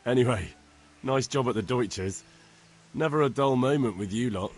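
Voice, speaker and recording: An actor playing a brash, rowdy young village lad in a video game, cocky and matey in manner. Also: male voice, mid-range voice, normal speed, lightly acted.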